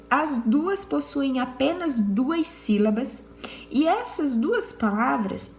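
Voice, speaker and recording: A woman's voice: high voice, echoey room, slight background noise. A Brazilian woman teacher giving word clues to children in a recorded lesson, patient and repeating herself. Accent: Brazilian Portuguese.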